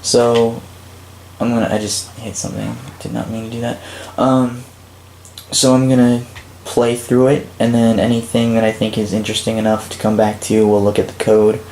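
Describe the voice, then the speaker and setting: A game creator and channel host casually narrates a walkthrough of a level he built, relaxed and rambling with many "um"s and "like"s. His mid-range voice is creaky and moderately paced, recorded in a roomy space with faint background noise.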